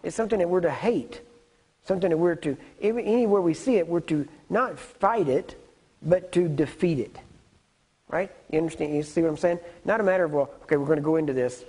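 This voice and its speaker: Preacher, male, fairly high husky voice, chatty teaching sermon that keeps asking "right?". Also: a little fast, darkish tone, poor audio. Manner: conversational, keeps checking in with "right?" and "you see what I'm saying?".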